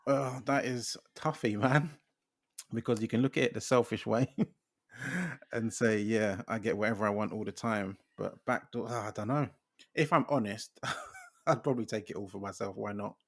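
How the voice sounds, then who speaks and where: A man's voice: mid-range voice, measured pace, creaky, a bit bright, breathy edge, dry recording, studio quality. A man from the UK co-hosting a casual podcast, laid-back and laughing between remarks. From United Kingdom. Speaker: podcast co-host. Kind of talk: casual chat.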